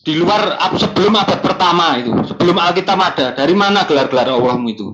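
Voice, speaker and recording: Insistent high-voiced debating man, fast. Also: lively intonation, fairly bright tone. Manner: insistent, repeats the same taunts. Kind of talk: heated live debate. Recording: echoey hall, dull sound.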